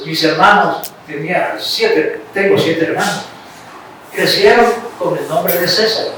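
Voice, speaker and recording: A man's voice: sits high, fairly bright tone. A man with an Ecuadorian accent preaching a sermon, telling a personal story and checking in with his listeners with little questions. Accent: Ecuadorian Spanish. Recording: very echoey room, mic far off, faint hiss.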